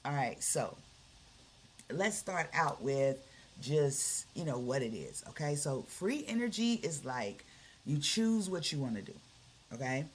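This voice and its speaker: A woman hosting a spiritual livestream, speaking colloquially and with energy, repeating key phrases and easing into soft, near-whispered breathing guidance. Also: sits low, animated, measured pace, a little hiss or hum. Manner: guides breathing softly, drops to near whispers. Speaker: livestream host.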